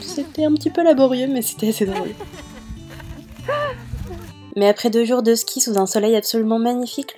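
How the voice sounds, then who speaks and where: A woman's voice: fairly high pitch, mellow. A woman giving a casual, chatty voice-over narration in the manner of a vlogger. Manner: chatty, informal. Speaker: vlogger narrating a family holiday video. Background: background music.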